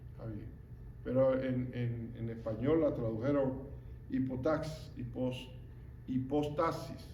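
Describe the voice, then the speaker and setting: A man teaching a Bible study lesson, explaining slowly and stopping often to ask rhetorical questions. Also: medium pitch, steady tone, dark tone, reverberant, a little hiss or hum.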